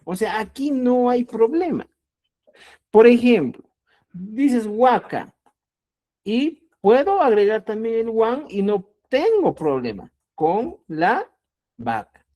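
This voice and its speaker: A woman teaching Quechua grammar in a lesson, speaking slowly and deliberately, repeating key words and often checking that listeners follow. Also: on the high side, very animated, mellow. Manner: addresses listeners as "estimados amigos". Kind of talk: explanatory online language lesson.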